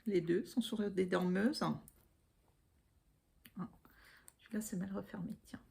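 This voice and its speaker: A woman's voice: mid-range voice, fairly even intonation, takes it slowly, vocal fry, dark tone, slightly rough. A woman in her forties from Alsace, chatting casually on her knitting vlog, with many fillers and counts muttered under her breath. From Alsace, France. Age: 40s. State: hands trembling, apologetic. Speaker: knitting podcaster. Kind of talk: casual show-and-tell vlog.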